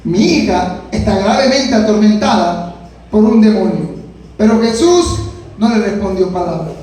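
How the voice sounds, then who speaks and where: A male pastor preaching a sermon, acting out quoted voices with sudden shouts. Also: high-pitched, expressive, a little slow, faint music behind. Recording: echoey room, distant mic, faint noise.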